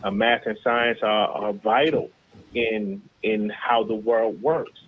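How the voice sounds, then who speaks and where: Low-voiced male caller over the phone. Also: fairly even intonation, slow pace, breathy edge, no echo. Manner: earnest, restarts words while making points. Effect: heard over a phone line. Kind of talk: call-in commentary. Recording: tinny phone line.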